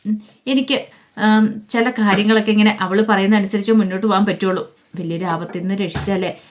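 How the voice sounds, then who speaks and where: A woman's voice: medium pitch, steady tone, fairly quick, close to an everyday voice. A woman voicing a young man on the run who pleads earnestly with his father.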